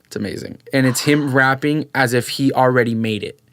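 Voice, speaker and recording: A young man, mid-pitched, recounting a story as a podcast guest with excitable, animated energy. He acts out the voices of people in the tale. The close mic sounds dry with no room echo. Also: a little fast. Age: young adult. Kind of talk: casual storytelling chat.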